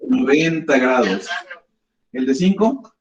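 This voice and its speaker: A man's voice: medium pitch, lively intonation, slow. A man teaching a math class, patiently guiding students step by step. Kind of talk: classroom lesson. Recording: echoey classroom, dull lo-fi sound.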